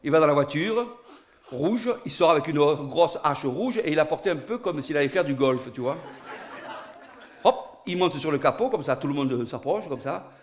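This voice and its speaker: A man telling a comic story in an animated way, full of sound effects. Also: a little high, moderate pace. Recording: studio recording.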